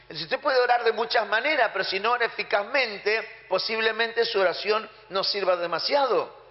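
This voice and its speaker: A man's voice: high voice, moderate pace. A man with an Argentine accent preaching a sermon emphatically, acting out the prayers and orders he talks about. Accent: Argentine Spanish. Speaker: pastor. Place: church hall. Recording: muffled sound in a reverberant hall.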